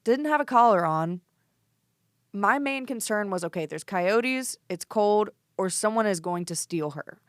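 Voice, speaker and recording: In a clean studio recording with no echo, a podcast guest speaks at a medium pitch and a slightly slow pace. She is a twenty-something band singer telling a story in casual conversation, cursing animatedly and acting out what she herself said.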